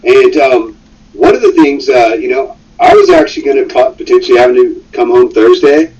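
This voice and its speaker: A man's voice: mid-range voice, wildly swooping pitch, brisk, a little mellow, breathy edge. A man chatting casually on a call, hesitant with many fillers and restarts. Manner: hesitant, lots of ums and restarts. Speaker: guest caller on a stream. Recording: dull, distant call audio with faint music.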